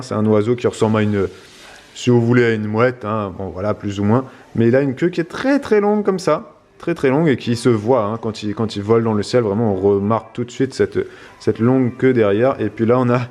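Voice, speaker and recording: A man from La Réunion talks with a Réunion Creole accent as he unboxes a parcel for his vlog. He rambles casually and keeps dropping little fillers between thoughts. His voice sits at an ordinary middle pitch. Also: lively intonation, fairly quick, a little mellow. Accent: Réunion Creole French. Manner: rambling, full of fillers like "voilà" and "hein". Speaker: vlog host.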